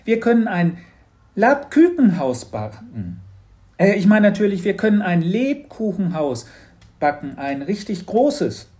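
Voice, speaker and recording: A man's voice: high voice, animated, moderate pace, mellow, pitched above the performer's own voice. A man voicing a bold, cheeky young girl who talks eagerly and insistently in a children's audiobook. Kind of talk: audiobook reading.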